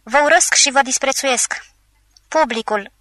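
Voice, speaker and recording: A woman's voice: high-pitched, sharp tone, no room sound. A woman voicing a drunken, bombastic old male tragic actor who rants and hurls theatrical insults. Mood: raging.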